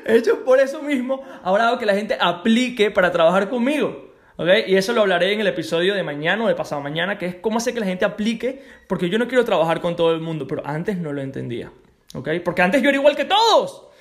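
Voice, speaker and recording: A man's voice: high voice, lively intonation, fast talker. A man hosting a network marketing podcast, giving an emphatic motivational monologue and often checking in with "ok?". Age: adult parent. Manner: emphatic, keeps asking "ok?".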